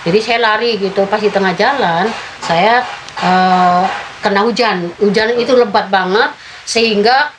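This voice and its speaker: A woman in her fifties giving a personal faith testimony in an interview, telling her story in a halting way with many filler sounds. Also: mid-range voice, a little hiss or hum, poor audio. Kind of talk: personal testimony told in conversation.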